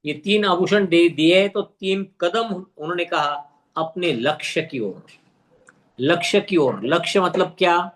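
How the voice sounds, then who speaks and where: A man teaches a class of teachers over a video call, and his voice sits a little above the usual male pitch. He builds each point by asking a question and then answering it. When he reaches a hard word he slows down and repeats it carefully so the teachers get it right. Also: a bit bright. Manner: drills careful pronunciation, repeating words slowly. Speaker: teacher trainer. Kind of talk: online teacher-training lesson.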